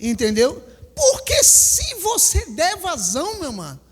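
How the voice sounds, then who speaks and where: A man's voice: very high-pitched, huge pitch swings, unhurried, in a large hall. A man in his fifties from Brazil, preaching a sermon as pastor, repeating his warnings emphatically and acting out little scenes. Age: 50s. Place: church hall.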